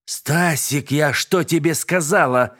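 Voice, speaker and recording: Man putting on a shrill bossy witch mother. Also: expressive, a little slow, a bit bright. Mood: gloating. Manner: shrill, commanding, gloating. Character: scheming boastful middle-aged witch mother, bossy.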